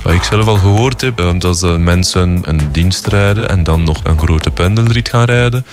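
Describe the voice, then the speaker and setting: A man, speaking as an anonymous bus driver, his voice disguised by AI and pitch-shifted down, talking hesitantly with fillers. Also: moderate pace, music in the background. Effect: voice disguised by AI, deep pitch-shifted. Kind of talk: news interview clip.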